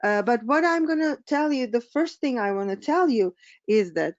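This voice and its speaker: A woman's voice: fairly high pitch, expressive, normal speed, dry recording, lo-fi sound. A middle-aged woman from Turkey with a Turkish accent, giving a webinar presentation as a business coach, hesitant with many fillers.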